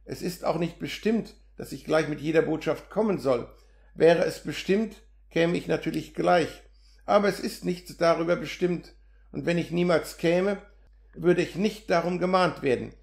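Barnabas, a man reading a gentle messenger. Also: on the high side, normal speed, vocal fry. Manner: gentle, calm and unruffled. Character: meek young male village messenger. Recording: roomy echo.

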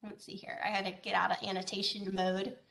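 A woman's voice: medium pitch, little pitch movement, a little fast, gravelly, fairly bright tone, echoey room. A woman from Georgia giving an online presentation as an agricultural educator, talking conversationally with fillers and rhetorical questions over a video call. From Georgia, USA.

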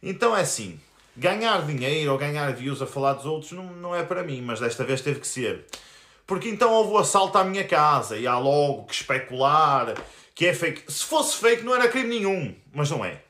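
A European Portuguese-accented man in his twenties, a YouTuber, goes on a furious, vulgar, confrontational live-stream rant. His sharp, higher voice is very animated and brisk, and the recording carries a roomy echo.

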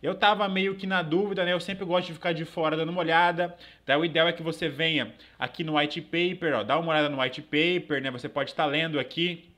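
Young man, Brazilian Portuguese accent, bright forceful tone, slightly high voice, casual filler-laden live tutorial. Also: steady tone, fast talker, few pauses. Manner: casual, filler-heavy, frequent tag questions. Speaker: crypto channel host. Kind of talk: live screen-share tutorial. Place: small room indoors.

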